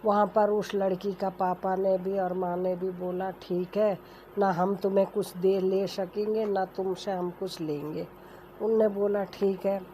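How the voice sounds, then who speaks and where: A woman's voice: mid-range voice, little pitch movement, unhurried, mellow, poor audio. A woman telling a family folk story in a plain, homely, conversational way. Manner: plain homely telling, voices characters lightly without changing voice. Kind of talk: casual oral storytelling. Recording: faint background noise.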